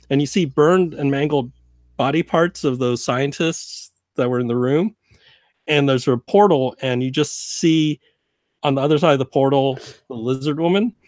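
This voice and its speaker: A man casually narrating a tabletop game as game master, in a halting, informal way. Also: on the high side, a little mellow, dry recording.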